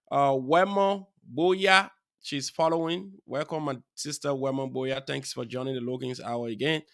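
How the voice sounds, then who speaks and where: Gravelly, bright-voiced male talk show host. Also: on the high side, no echo, clean studio sound. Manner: rambling, shout-outs to viewers, chuckles. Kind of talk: casual live-show chat. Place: studio.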